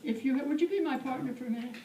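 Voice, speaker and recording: Brief: older woman, bright high voice, energetic teacher trainer chanting examples, taped from the audience. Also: racing. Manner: lively, demonstrates chants with rhythm and repetition. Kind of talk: lecture to teachers. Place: lecture hall. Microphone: tablet recording from the audience. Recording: distant room recording with faint hiss.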